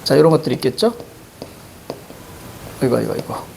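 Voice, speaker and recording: Animated Seoul-accented male teacher. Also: mid-range voice, moderate pace, vocal fry, slight background noise. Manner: animated, repeats cue words, jokes with students. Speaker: Korean language teacher. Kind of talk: lively classroom lecture.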